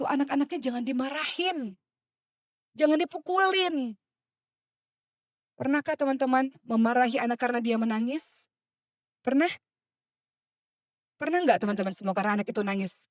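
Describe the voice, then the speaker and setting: Woman preacher, thirties, fairly high voice, impassioned, rhetorical questions, dry close sound. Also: fast, dry recording. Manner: impassioned, rhetorical questions, swings between hushed and loud. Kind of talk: religious talk to women.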